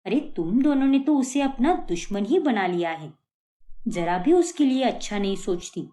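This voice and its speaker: Brief: woman as a strict cartoon mother, sharp scolding, lively pitch. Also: moderate pace, natural voice. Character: stern middle-aged mother, defends her son. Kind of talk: cartoon voice acting.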